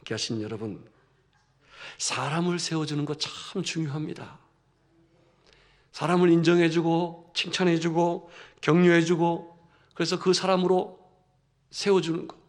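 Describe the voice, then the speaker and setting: A male pastor preaching a sermon in an animated way, throwing rhetorical questions at the congregation with humorous asides. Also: on the high side, a little slow, pauses often.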